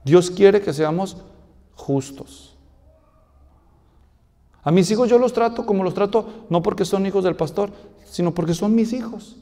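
A man's voice: high voice, fairly quick, dark tone, big-room sound. A male pastor preaching a sermon, telling a story and asking rhetorical questions.

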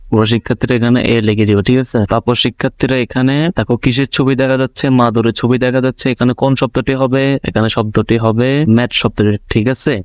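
A man's voice: mid-range voice, no echo. A man with a Bangladeshi Bengali accent teaching young pupils in an online video lesson, patiently asking questions and answering them himself. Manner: patient, repetitive, asks and answers his own questions.

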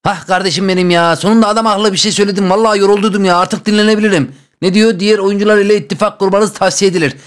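A man hosting a gaming channel, giving excited, joking gameplay commentary straight to his viewers. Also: high voice, rapid-fire, clear, resonant tone.

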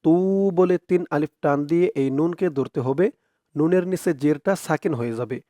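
A man teaching Quran recitation word by word, stretching out the recited syllables and then explaining quickly in a softer voice. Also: a little high, no room sound, clean studio sound. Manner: slow, drawn-out recitation alternating with quick spoken explanation.

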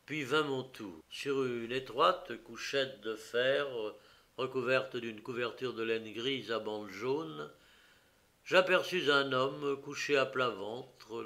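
A man narrating an audiobook of a detective story in a slow, dramatic reading. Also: mid-range voice, vocal fry, pushed and bright.

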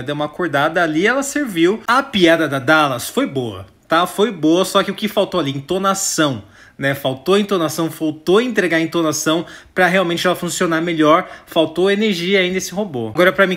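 A man's voice: a little high, fairly bright tone. A man with a Brazilian Portuguese accent giving chatty, opinionated reaction commentary to his viewers, often tossing in tag questions. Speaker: YouTube commentator.

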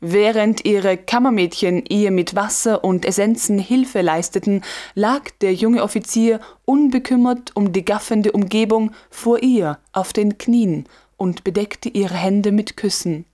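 A woman reading a classic novel aloud as an audiobook narrator, with even, measured storytelling. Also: mid-range voice. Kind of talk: scripted narration.

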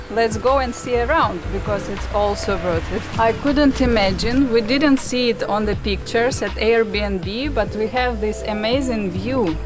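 A young woman shows viewers around a wooden treehouse with a light, higher voice and an easy, slow pace. She laughs often and her phrasing is charmingly non-native. Music plays clearly under her voice. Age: young adult. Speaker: vlogger giving a house tour. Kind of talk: casual house tour vlog. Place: small wooden treehouse and outdoor garden. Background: background music.

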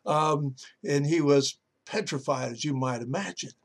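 A man's voice: fairly high pitch, unhurried. A male pastor giving a motivational devotional talk in a folksy storytelling way, with lots of "uh" fillers.

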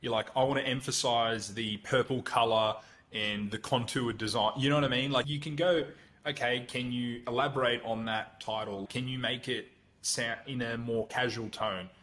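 A man's voice: mid-range voice, fairly even intonation, moderate pace, a bit bright. A man who calls himself blunt, a guest on a podcast, chatting casually about marketing and acting out sample prompts in a conversational way. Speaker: guest, Google Ads consultant.

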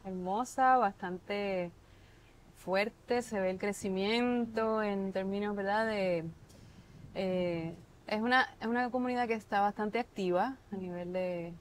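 Recorded outdoors on a patio through a lapel mic, with slight background noise, a Puerto Rican woman chef in her thirties speaks slowly in a mid-range voice. She answers interview questions thoughtfully in a Puerto Rican Spanish accent, frequently restarting and using filler words.

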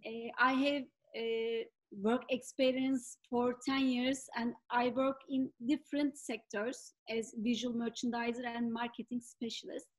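Turkish woman, halting careful English. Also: on the high side, level tone, poor audio. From Turkey. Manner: careful, slightly halting English with many fillers. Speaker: workshop guest artist. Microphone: video call.

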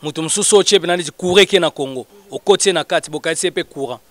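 A man talking in an animated, casual way, switching between Lingala and French. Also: fairly high pitch, very fast, no room sound.

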